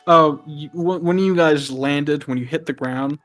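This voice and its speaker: A man narrating a tabletop game as game master, explaining deliberately with pauses. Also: a little high, a bit bright, soft background music.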